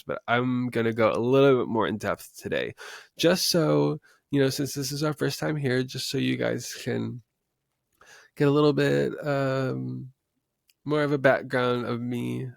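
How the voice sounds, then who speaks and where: A man's voice: mid-range voice, creaky, dry recording, clean studio sound. A man in his twenties from West Texas, hosting a podcast in casual, unscripted talk, rambling and chatty with frequent ums and small laughs. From West Texas, USA. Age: 20s. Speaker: podcast host.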